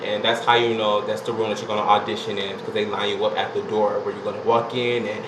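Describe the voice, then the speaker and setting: A young vlogger tells a laid-back, chatty story to camera, peppering it with "you know" and "like." His fairly low voice moves fast with little change in pitch. The room echoes, and an air conditioner hums.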